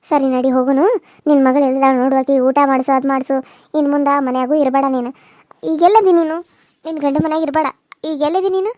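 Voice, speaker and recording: A woman's voice: sits high, steady tone, fast talker, warm tone, no room sound, clean studio sound, close to an everyday voice. A woman voicing a caring older village woman in a cartoon serial, who consoles and lectures firmly. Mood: consoling.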